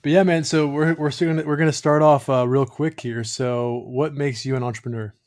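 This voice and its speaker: A man's voice: mid-range voice, steady tone, normal speed, a little mellow. A man hosting a podcast, reading an intro and chatting in an upbeat, joking way. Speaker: podcast host. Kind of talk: podcast intro and casual interview.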